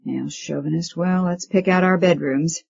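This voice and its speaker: A woman's voice: lowish voice, moderate pace, gravelly, a little mellow, husky, no echo, dull audio, exaggerated voice. A woman voicing a cool, aloof young female doctor who talks in a dry, direct way.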